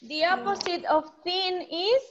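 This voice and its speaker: A woman teaching a primary school English class online, drilling vocabulary with slow, patient repetition. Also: very high voice, steady tone, highs cut off, over a noisy crowd.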